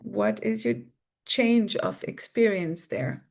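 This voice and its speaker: Gravelly-voiced woman guiding a meditation. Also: mid-range voice, expressive, slow. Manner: soft and coaxing, guiding listeners inward; reads viewer comments aloud. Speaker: spiritual teacher. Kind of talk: guided visualization on a live stream.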